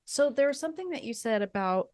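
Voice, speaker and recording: A woman co-hosting a faith podcast, talking in a thoughtful, meandering way with fillers and soft laughs. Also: on the high side, lively intonation, quick pace, no room sound, studio quality. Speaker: podcast co-host. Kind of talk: casual faith podcast chat.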